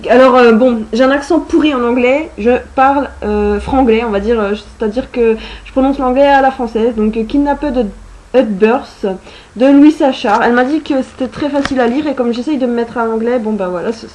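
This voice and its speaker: Chatty young woman, fairly high voice. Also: brisk, hardly any pauses, darkish tone, low-quality recording. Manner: chatty, full of hesitations and fillers. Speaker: book vlogger. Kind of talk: casual chat.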